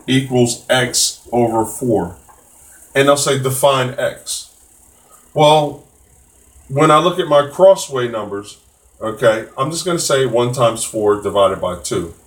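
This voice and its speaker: Male tutor, mid pitch, relaxed live-stream math teacher, chatty and encouraging, lots of ums. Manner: casual, encouraging, many fillers and restarts. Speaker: test prep tutor.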